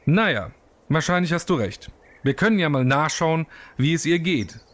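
A man voicing a clever young male emerald lizard in an animated storybook film, talking in a wry, sensible way. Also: a little high, moderate pace, dry recording.

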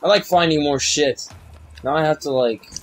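A man's voice: fairly high pitch, moderate pace, low-quality recording. A young man giving crude, rambling, self-mocking commentary while playing a video game. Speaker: gaming YouTuber. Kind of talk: casual let's play commentary.

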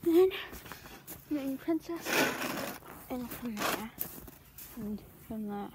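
A young woman with a high voice talks slowly and haltingly as she feeds animals at a barn after dark, now and then calling to them. She holds the recording device at arm's length outdoors. Loud background noise and animal sounds run under her voice. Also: expressive. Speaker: vlogger. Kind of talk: casual chores vlog. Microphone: handheld device at arm's length.

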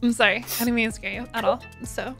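A man's voice: very high-pitched, fairly even intonation, fast, gravelly, bright, forceful tone, faint music behind, pitched above the performer's own voice, exaggerated voice. A man putting on a young woman's voice in a gender-swap prank, talking coyly and apologetically to strangers. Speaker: online video chat prankster.

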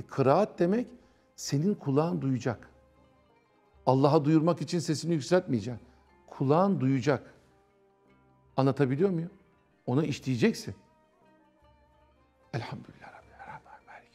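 Male TV preacher, gravelly, higher-pitched, lively and conversational, faint music underneath. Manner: animated, conversational, mimics others. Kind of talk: religious talk on TV.

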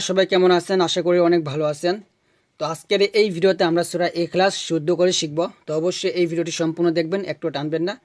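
A man teaching correct recitation, drawing out each word slowly and then explaining quickly in plain speech. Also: a little high, a little mellow. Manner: slow drawn-out recitation with quick spoken explanations. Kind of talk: recitation lesson.

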